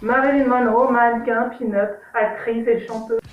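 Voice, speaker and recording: A woman's voice: fairly high pitch, fairly even intonation, normal speed, muffled recording. A woman narrating a fashion history vlog in a chatty, informal way and correcting her own slips as she goes. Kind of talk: voice-over narration. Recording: echoey room, mic at a distance, music underneath.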